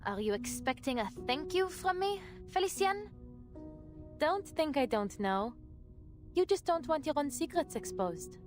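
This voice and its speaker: A woman's voice: high voice, sing-song, measured pace, music in the background. An actress playing a stubborn, defiant young woman in a game, curt and sardonic in her delivery. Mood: defiant irritation.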